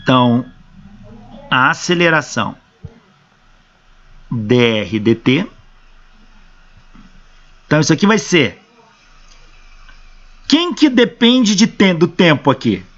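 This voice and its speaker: On a dull, lo-fi recording, a hoarse engineering professor with a Brazilian Portuguese accent solves equations one step at a time, posing questions and answering them himself. He sounds slightly high and fairly bright, sing-song, taking it slowly with long pauses.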